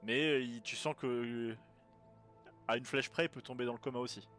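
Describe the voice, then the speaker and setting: A man runs a tabletop role-playing game, describing scenes and ruling on actions. His pitch sits in the middle, and music plays behind him. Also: fairly even intonation, normal speed, fairly bright tone. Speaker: game master. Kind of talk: improvised tabletop game narration. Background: background music.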